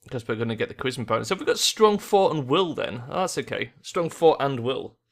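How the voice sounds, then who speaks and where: A man's voice: mid-range voice, animated, fairly quick, vocal fry. A man giving informal, sweary gameplay commentary as he thinks aloud. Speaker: gamer, let's play host.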